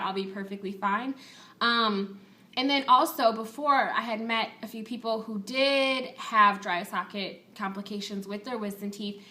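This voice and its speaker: A woman chats casually to her viewers in the manner of a personal vlog update. Her voice is bright and crisp-edged, pitched a little above average. She comes across as candid and talkative, speaking informally throughout. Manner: chatty, candid, with casual swearing. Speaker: vlogger.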